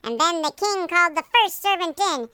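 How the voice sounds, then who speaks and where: A squeaky, excitable young squirrel. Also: moderate pace, no echo, full character voice. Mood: storytelling. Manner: bubbly, animated storytelling with punny asides. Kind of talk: children's Bible lesson puppet skit.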